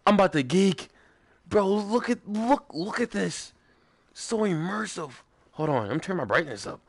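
A young man streaming a game with friends, chatting casually, swearing a lot and breaking into excited shouts. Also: high-pitched, normal speed, no echo. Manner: excitable, profane, bursts into shouts. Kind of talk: casual gaming commentary.

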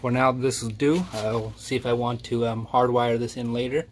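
Narrating his home DIY project for his channel, a man walks through it step by step in a casual, no-frills voice-over, dropping in the odd filler word. He speaks at a moderate pace with a flat, mid-range delivery, and there's a bit of background noise.

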